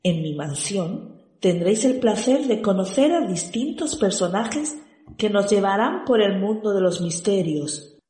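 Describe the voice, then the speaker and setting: A woman's voice: mid-range voice, lively intonation, measured pace, mellow, close to an everyday voice. A woman with a Spanish accent from Spain playing a mysterious, theatrical marquise who hosts a spooky show. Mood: eerie, inviting. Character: mysterious marquise hostess of a haunted mansion. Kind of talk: scripted spooky show introduction. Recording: echoey, distant from the mic.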